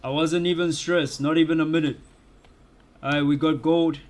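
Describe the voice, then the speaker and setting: A man's voice: a little high, steady tone, normal speed. A young man commenting casually on his game playthrough in laid-back slang. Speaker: gaming streamer. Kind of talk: casual let's-play commentary.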